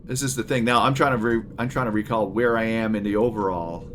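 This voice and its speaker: A man's voice: on the low side, fairly even intonation, fast talker, fairly bright tone, slight background noise. A man hosting a live stream interview while playing a game, easygoing with many short acknowledgments. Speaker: stream host.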